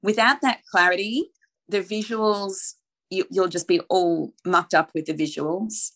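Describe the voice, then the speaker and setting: A woman brand strategist and mentor, appearing as a podcast guest, chats casually in a mid-range, steady, slightly bright voice at an unhurried pace. She earnestly explains her ideas, fires off rhetorical questions, and fills her speech with "you know" and other fillers.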